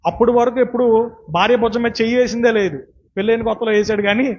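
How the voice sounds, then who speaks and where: A man's voice: very high voice, fairly even intonation, quick pace, a little mellow. A man with a Telugu accent preaching a sermon, telling a story and acting out the lines of each person in it. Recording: dull lo-fi church recording with faint noise.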